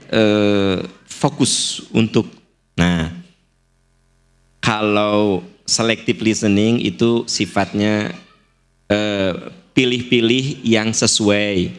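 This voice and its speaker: A middle-aged man with a Sundanese accent giving a religious lecture in a mosque, explaining points with playful acted-out examples. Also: on the low side. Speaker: preacher. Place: large mosque.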